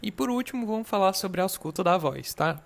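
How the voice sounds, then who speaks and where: A young Brazilian man with a high, gravelly voice gives a recorded medical lecture, speaking briskly with lively intonation in a Brazilian Portuguese accent. He explains patiently and reassuringly, frequently checking that students are keeping up.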